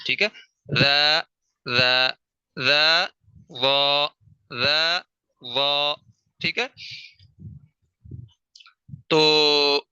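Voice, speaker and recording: A man gives a tajweed lesson in a very bright, crisp and resonant voice. He drills single letter sounds slowly and over and over, and he checks in with rhetorical questions. The recording is close and dry. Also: a little high, no echo, rough recording. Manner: demonstrates letter sounds slowly, repeating them. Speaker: Quran recitation teacher. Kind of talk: online tajweed class lecture.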